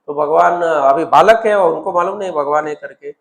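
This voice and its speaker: A man's voice: fairly high pitch, moderate pace, vocal fry. A man with an Indian accent preaching a sermon, telling the story with acted-out dialogue and repeated words. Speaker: temple preacher.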